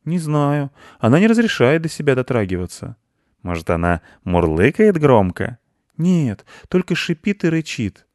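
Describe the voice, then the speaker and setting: A man voices a sensible young boy who speaks patiently and reasonably, pitching above his natural voice while staying close to everyday speech. His mid-range, darkish voice is very animated but calm, at normal speed. The studio-quality recording has no echo.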